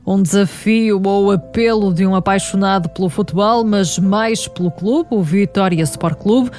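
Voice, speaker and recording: A woman's voice: medium pitch, a little slow, darkish tone, faint music behind. A woman with a European Portuguese accent reads a scripted feature as a reporter. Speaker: reporter and interviewer.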